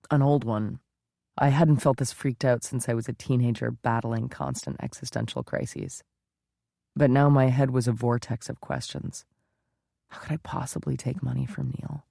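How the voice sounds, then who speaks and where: A man's voice: mid-range voice, normal speed, creaky, mellow, dry recording. A man narrating a first-person audiobook in an intimate, confessional manner, close to the mic.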